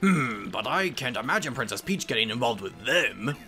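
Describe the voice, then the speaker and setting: Soft music plays behind a man with a mid-range voice speaking at a normal pace. He's earnestly playing a wizened Goomba professor for a fan dub of a game, an easily excited, fastidious academic who lectures and cries out.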